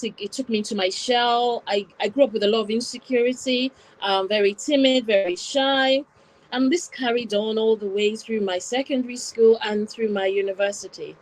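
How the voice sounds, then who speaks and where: A woman born in Wales, who was raised in Nigeria from about age nine, reflectively tells her personal story step by step as an interview guest. Her voice is on the high side, and the recording is rough.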